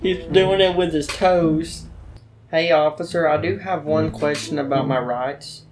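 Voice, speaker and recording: A man's voice: fairly high pitch, steady tone, unhurried, music in the background, natural voice. A man voicing a rowdy, dim-witted redneck in an improvised video game role-play, rambling and repeating himself. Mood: excitable.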